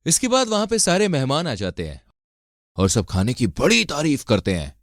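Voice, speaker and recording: A man narrating an animated family drama in a scripted storytelling manner. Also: a little high, normal speed, no room sound, clean studio sound. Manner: lively storytelling.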